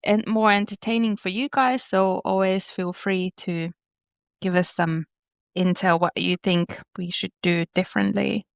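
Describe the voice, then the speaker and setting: A woman's voice: mid-range voice, steady tone, unhurried, creaky, smooth, no room sound, studio quality. A woman co-hosting a podcast over a remote call, chatting casually, rambling and correcting herself with laughs. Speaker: podcast co-host. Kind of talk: casual chat.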